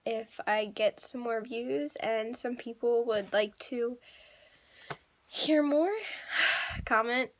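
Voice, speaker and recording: A young woman telling a personal story to camera in a vlog, emotional and halting, with sighs and laughter. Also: a little high. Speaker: vlogger.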